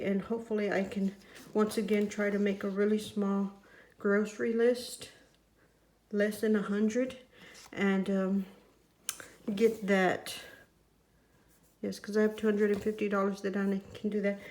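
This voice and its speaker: Squeaky-voiced middle-aged woman, even pitch. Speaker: budget vlogger. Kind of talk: casual monologue reviewing household finances.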